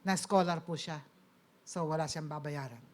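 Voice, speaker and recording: A middle-aged woman from the Philippines with a Filipino accent gives a personal testimony in the style of a sermon. Her voice sits a little low for a woman. She speaks politely to the congregation and keeps checking in with them. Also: normal speed. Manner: polite, addressing the audience with frequent "po" and "okay?"; mixes Tagalog and English. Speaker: preacher giving a testimony.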